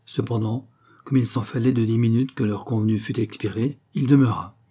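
A man narrating a classic novel as an audiobook, in a measured literary reading. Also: mid-range voice, fairly even intonation, warm tone, slightly rough.

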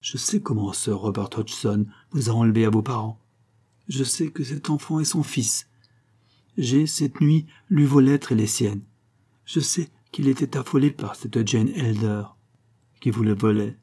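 A man reading a composed female private detective in an audiobook, questioning firmly in a dark, husky voice. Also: mid-range voice, a little slow.

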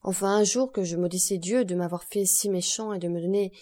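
A woman's voice: mid-range voice, fairly even intonation, fairly quick, mellow, natural voice. A woman voicing a defiant young male criminal speaking bitterly before a court.

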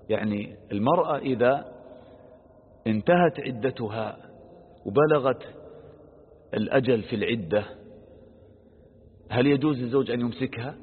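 A man's voice: mid-range voice, slightly rough. A man teaching a religious lesson on verses of scripture. He poses questions aloud, answers them with everyday examples, and lifts his voice on the quoted verses. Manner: stresses quoted verses with a raised voice. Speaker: Quran exegesis teacher. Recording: lo-fi phone-like sound with long reverb.

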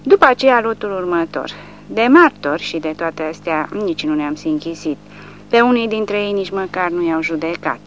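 A woman's voice: fairly low pitch, animated, natural voice. A woman voicing a hardened male soldier who speaks bluntly. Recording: dull lo-fi with faint hum.

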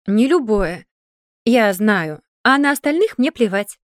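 A grumpy, sardonic old magical tomcat, as a woman reader puts him on, lecturing and grumbling. He sounds a little louder and pushier than the narration around him. The recording is dry and close. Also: medium pitch, big pitch swings, a little slow, dry recording.

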